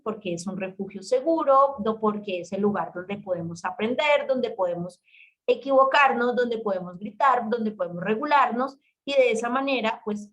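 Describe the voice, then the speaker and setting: A woman, a parenting educator giving a talk to parents in an emphatic, animated way, speaking directly to her listeners. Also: a little high.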